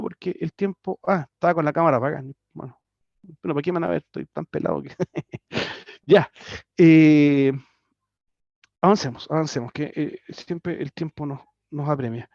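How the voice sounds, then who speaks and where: A man with a Chilean accent teaches a history class online, talking conversationally with frequent tag questions and restarts. His voice is on the high side, gravelly and darkish, at normal speed. Captured by a computer mic on a video call, the audio is dry, slightly dull, and without echo.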